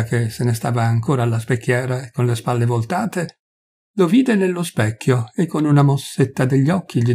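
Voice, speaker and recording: A man narrating a literary short story aloud in a measured, expressive reading. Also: medium pitch, slightly rough.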